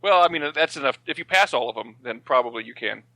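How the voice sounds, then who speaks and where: A man's voice: mid-range voice, expressive, fast talker, pushed and bright, no room sound, poor audio. A man co-hosting a podcast, playful and teasing, laughing often. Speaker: podcast co-host. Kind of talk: casual podcast banter.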